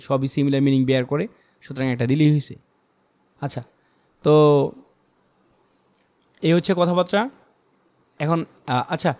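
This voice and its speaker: A male teacher with a Bangladeshi accent, explaining to a class and reading English phrases word by word with pauses. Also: fairly high pitch, darkish tone, dry recording.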